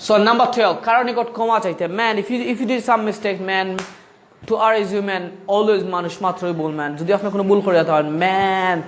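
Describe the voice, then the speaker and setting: A man with a Bengali accent teaching spoken English to beginners, switching between languages, calling the listener brother and repeating each phrase slowly. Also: sits high, steady tone, slight background noise.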